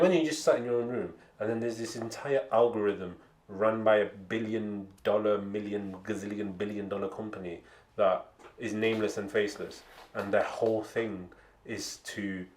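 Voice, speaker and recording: A man's voice: fairly low pitch, steady tone, moderate pace, darkish tone, reverberant. A man co-hosting a comedy podcast, grumbling and ranting about the world in casual chat. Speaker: podcast co-host.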